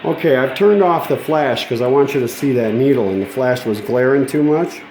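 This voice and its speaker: Chatting casually through a hands-on demonstration, a radio restorer speaks with keen, folksy informality in a mellow, medium-pitched voice, a little fast. The handheld phone camera captures roomy sound with slight hiss or hum, and a vintage radio plays music behind him.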